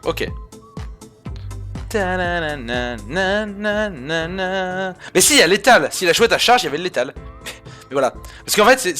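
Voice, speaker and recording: A sarcastic man streaming a card game, mocking his chat and swearing as he plays. His somewhat high voice swings widely in pitch, leaping into loud outbursts and sinking into low mutters, with faint music under him. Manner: sarcastic, swearing, talks straight to viewers. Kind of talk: live-stream game commentary.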